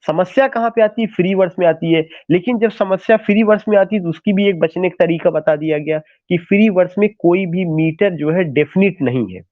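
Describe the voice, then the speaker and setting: A man's voice: high-pitched, brisk, few pauses, no echo. A man teaching poetic metre as a lecturer, asking questions and answering them himself, with English terms mixed into his talk. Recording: dry, tinny phone-line sound.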